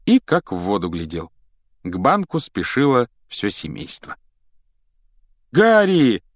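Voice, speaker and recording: A man narrates a storybook in an expressive, animated way, his pitch rising and falling widely. The recording is dry and close, with no room around the voice. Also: moderate pace, dry recording. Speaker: audiobook narrator.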